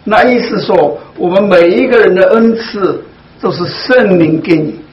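A man leading a Bible study for his congregation, speaking slowly and deliberately with many hesitant fillers. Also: high voice. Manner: slow, deliberate, with frequent fillers. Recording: dull lo-fi recording, faint hiss.

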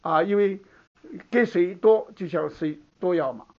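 A man's voice: high voice, measured pace. A man preaching a Bible sermon, teaching conversationally and often checking in with the listeners. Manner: conversational teaching, asks the room "好不好". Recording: dull lo-fi recording.

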